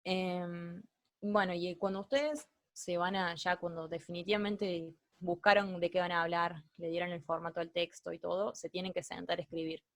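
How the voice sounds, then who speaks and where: A young woman with an Argentine Spanish accent walks students through academic writing, pausing and restarting her sentences. Her voice sits low, and the recording is dry and close. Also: steady tone, fairly bright tone, dry recording. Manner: hesitant, self-correcting, explanatory. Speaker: student tutor leading a writing workshop. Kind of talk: online workshop explanation.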